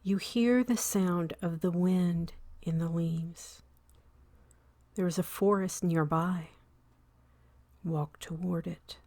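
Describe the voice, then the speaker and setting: In a dry recording, a lowish, steady female voice guides a scripted meditation. She's calm and measured, often sinking almost to a whisper, with long silences between brief phrases.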